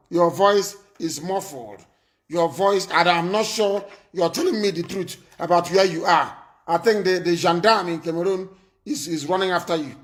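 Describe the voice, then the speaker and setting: A man hosting a live call-in talk show who talks in a commanding way, repeats his points and scolds his callers. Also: a little high. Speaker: live stream host taking calls.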